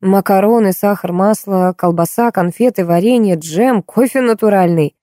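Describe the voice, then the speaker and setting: A woman's voice: mid-range voice, normal speed, dark tone, no echo, studio quality, lightly acted. A woman reading an audiobook, voicing a harsh, angry female housekeeper who scolds and snaps. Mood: scolding.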